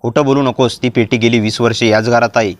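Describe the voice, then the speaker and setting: A man voicing a stern old man who keeps a family secret, speaking calmly in a storybook. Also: mid-range voice, lightly acted. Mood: calm, grave. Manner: calm, measured delivery.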